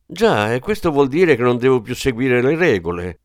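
A man's voice: mid-range voice, very animated, moderate pace, clear, resonant tone, dry recording, natural voice. A man voicing a tough, hard-bitten former policeman who speaks with cool, dry menace. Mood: menacing. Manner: cool, threatening, dryly mocking.

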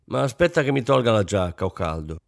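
A man reading an audiobook, voicing a blunt, self-satisfied middle-aged businessman who talks gruffly and offhandedly. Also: fairly low pitch, very animated, brisk, no room sound, clean studio sound. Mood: offhand. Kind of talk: audiobook character voice.

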